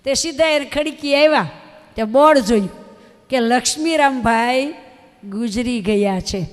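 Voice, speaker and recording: A woman's voice: a little high, unhurried. A woman tells a devotional story in a sermon, in a folksy, emphatic way, turning often to her listeners. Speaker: religious storyteller. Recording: long hall reverb.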